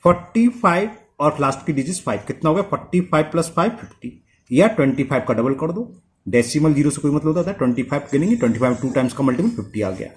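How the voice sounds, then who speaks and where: A man's voice: on the high side, animated, fast talker. A man teaching maths step by step, working sums aloud and checking his work as he goes. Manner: talks through sums aloud, checks himself, asks "clear?".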